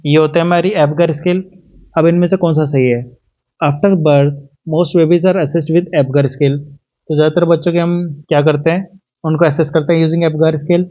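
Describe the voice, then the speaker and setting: Indian male tutor, fairly high mellow voice, dull lo-fi audio, patient step-by-step exam-prep lesson. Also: fairly even intonation. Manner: explains step by step, repeats "ठीक है" often, reads questions slowly in English.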